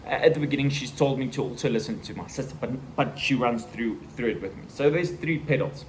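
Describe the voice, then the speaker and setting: A South African man in his thirties telling a personal story in a casual vlog, acting out the voices and the shouting. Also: mid-range voice, expressive, fairly quick, a little hiss or hum. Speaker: vlogger.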